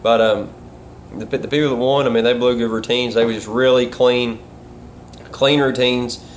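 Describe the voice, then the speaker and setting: A man gives a casual, hands-on lesson in a folksy, rambling style. His voice sits at a middling pitch and his grammar is loose and colloquial. There is clear noise behind him on the recording. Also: steady tone, moderate pace. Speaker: duck calling instructor and caller. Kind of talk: casual instructional vlog talk.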